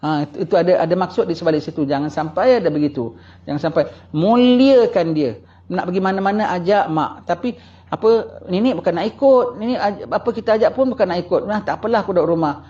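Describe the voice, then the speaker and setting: Singaporean malay guy preaching, high voice, acts out people's lines, dull lo-fi recording. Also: brisk. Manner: lively, acts out quoted voices. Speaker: religious teacher. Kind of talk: colloquial religious lecture.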